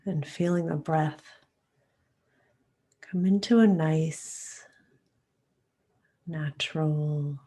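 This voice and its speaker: Her voice deep and creaky, a woman leads a guided meditation in a soft, calm, soothing way. She takes her time, letting long pauses and breaths fall at the close of each phrase.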